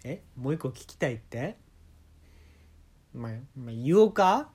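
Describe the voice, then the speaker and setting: A man with a Kansai accent telling comic stories in a solo monologue, deadpan with sudden animated jumps. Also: mid-range voice, a little slow, slightly rough. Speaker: podcast host.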